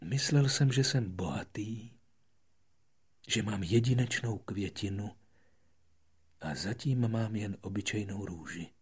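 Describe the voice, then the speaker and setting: A man's voice: lowish voice, long pauses, darkish tone, slightly rough. A man voicing an earnest, lonely boy prince in an audiobook, in a wondering tone. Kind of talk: audiobook reading.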